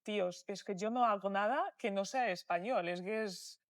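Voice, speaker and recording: A woman's voice: medium pitch, moderate pace, dry recording, clean studio sound. A young Polish woman and Spanish teacher, chatting as a guest with a Spain-style accent, enthusiastic and full of fillers. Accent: Polish, speaking Spanish with a Spain accent. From Poland. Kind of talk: casual conversation.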